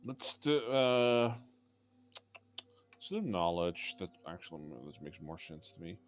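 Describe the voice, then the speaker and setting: Slow, halting male tabletop player. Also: deep voice, sing-song. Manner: halting, gropes for words. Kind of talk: casual in-character play description.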